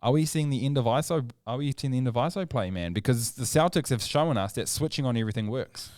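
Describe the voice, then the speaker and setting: A man's voice: mid-range voice, fast, a little mellow, no echo, studio quality. A man co-hosting a casual sports podcast, opinionated and emphatic, pushing his points hard. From New Zealand. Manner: opinionated, emphatic, argues points with rising energy. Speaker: podcast co-host.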